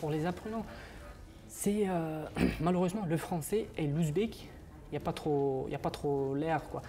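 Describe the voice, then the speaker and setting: On a TV morning show, a guest who is a master's student from Uzbekistan, aged in his twenties, answers in French, which is his second language. His warm voice is a little high and runs at normal speed, with an Uzbek accent and many restarts and hesitations.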